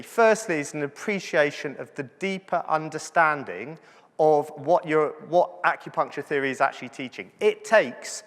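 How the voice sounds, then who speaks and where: A male doctor gives a chatty, joking conference lecture to physiotherapists in a large hall, checking in with the audience as he goes. His voice is on the high side and a bit bright, and the recording carries the venue's hall reverb.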